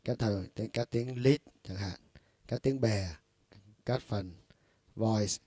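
A man's voice: fairly low pitch, slow, dark tone, no room sound. A man giving a casual instructional demo of a keyboard's vocal effects, talking loosely with many fillers. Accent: Vietnamese. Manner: loose and conversational, with frequent filler words. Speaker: music store product demonstrator.

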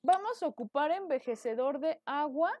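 A woman's voice: high-pitched, lively intonation, moderate pace, a little mellow, slight background noise. A woman with a Mexican accent, a decorative painting teacher, chatting through a live painting tutorial and checking in with her viewers often. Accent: Mexican Spanish.

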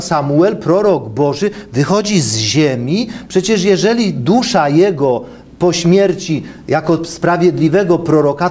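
A man's voice: a little high, darkish tone. A man, a pastor, answering questions after a lecture and reading scripture aloud in an earnest, explanatory way, with fillers and self-corrections. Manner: earnest, explanatory, pauses to stress key points.

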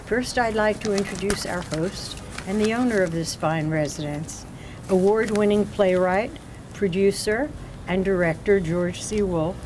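An older woman hosts a ceremony outdoors by a doorway on a city street, reading formal introductions from notes at a podium mic with small slips. Her mid-pitched, slightly mellow voice is measured, and the rough recording picks up street noise.

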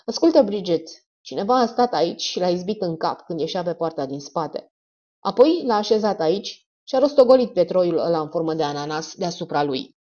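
A woman's voice: on the low side, expressive, muffled recording. A woman reading the part of a determined young male investigator in an audiobook, speaking firmly and darkly. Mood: urgent. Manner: firm, dark-toned.

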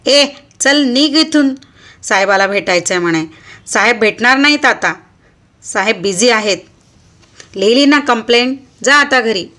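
A woman voicing a gruff, rude middle-aged male police constable who barks and scolds. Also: on the high side, normal speed, bright, forceful tone. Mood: shouting. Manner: barking, scolding.

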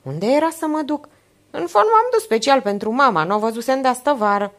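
A woman voicing a grieving widow with a hoarse, quiet voice in an audiobook. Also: high voice, animated, voice pushed up. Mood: subdued.

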